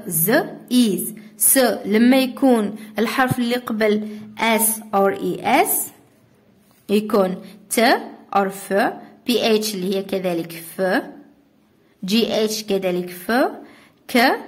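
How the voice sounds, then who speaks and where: A woman teaches an English revision lesson. She speaks slowly in a slightly raised voice. She moves between English grammar terms and dialect, spelling words letter by letter. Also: on the high side.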